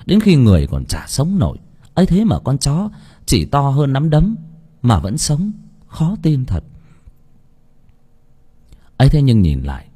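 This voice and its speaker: A man narrating an audiobook story with a dramatic, expressive delivery. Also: medium pitch, husky.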